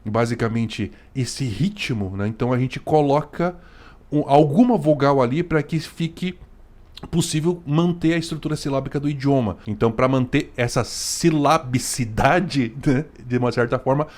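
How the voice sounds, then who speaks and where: A man's voice: mid-range voice, moderate pace, a little mellow. Chatty Brazilian man full of slang. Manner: chatty, constant "né" and "cara", slangy. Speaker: host reacting to a video. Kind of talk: casual commentary.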